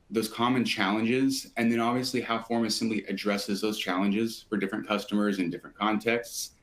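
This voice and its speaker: Low-voiced man hosting a webinar. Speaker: webinar host from sales team. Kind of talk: live webinar presentation.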